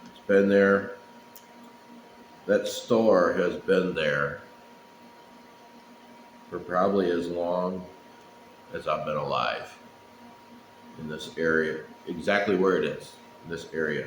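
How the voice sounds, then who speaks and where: A middle-aged man with a low voice talks in a loose, rambling way. He takes his time, pausing often and speaking plainly. The room is echoey, with faint noise behind him. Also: fairly even intonation. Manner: laid-back, profane, unhurried with frequent pauses. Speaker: pipe-smoking vlogger. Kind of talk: casual rambling solo chat.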